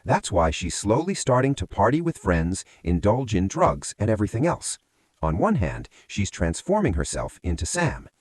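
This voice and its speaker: A man's voice: on the low side, normal speed, husky, no echo. A man narrating a movie recap as a story, often calling his listeners friends. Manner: addresses listeners as friends, lively rising and falling delivery.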